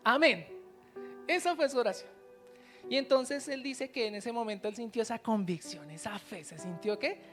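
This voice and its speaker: A woman preaches a sermon, telling a story and pausing to ask her congregation questions. Her voice sits a little high. Soft music plays faintly behind her in the church. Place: church service.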